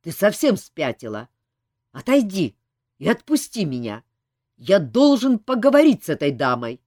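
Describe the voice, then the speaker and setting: A woman voicing a young prince, speaking low, gloomy and harsh. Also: sing-song, normal speed, darkish tone, no room sound, clean studio sound. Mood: angry. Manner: gloomy, then harsh and menacing. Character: gruff bastard prince, young man.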